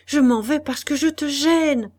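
A woman's voice: high-pitched, unhurried, darkish tone, voice pushed up. A woman voicing a desperate young wife in an audiobook, reading her lines with strong emotion, pleading and harsh by turns.

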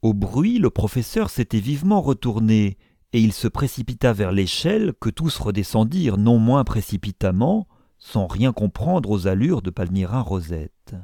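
A man narrates a classic novel, expressive and measured. His voice is low, gravelly and dark, with lively pitch movement. The sound is dry and close. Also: no echo.

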